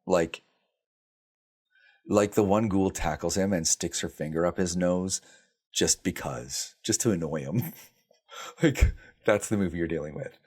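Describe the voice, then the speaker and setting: A man's voice: sits low, measured pace, long pauses, a little mellow, slightly rough. A man reviewing horror films in casual speech, blunt and sarcastic, with frequent ums and restarts. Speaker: film reviewer. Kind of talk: casual spoken movie reviews.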